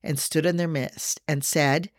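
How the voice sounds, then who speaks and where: A woman hosting a devotional podcast, speaking earnestly to listeners and slowing down to stress scripture. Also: sits low, steady tone, no room sound, studio quality. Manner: addresses listeners directly. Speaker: podcast host.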